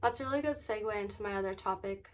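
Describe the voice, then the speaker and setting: A woman chatting casually in a vlog, often saying "like" and "um" and pausing to think aloud. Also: mid-range voice. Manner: says "like" and "um" very often as filler; halting, thinking aloud, trailing off mid-sentence. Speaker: vlogger.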